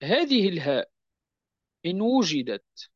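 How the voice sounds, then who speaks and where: A man teaching a lesson on Quran recitation rules, patiently repeating key points and slowing down to recite verse examples. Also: sits high, sing-song, no echo, muffled recording. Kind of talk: explanatory lesson on tajweed.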